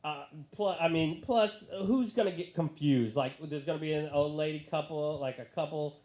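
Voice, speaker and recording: High-voiced thirtysomething guy doing stand-up at a bar, cussing and ranting, handheld mic. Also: normal speed, darkish tone. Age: 30s. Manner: ranting, profane, exasperated. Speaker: stand-up comedian. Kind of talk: live stand-up comedy. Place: comedy bar stage.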